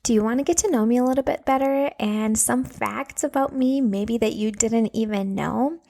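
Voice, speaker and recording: With soft background music behind her, this anger coach for mothers chats through her solo podcast earnestly and encouragingly. She is in her thirties, born in Latvia, and speaks Russian as her first language. Her voice is a little high and creaky with a dark tone, at normal speed.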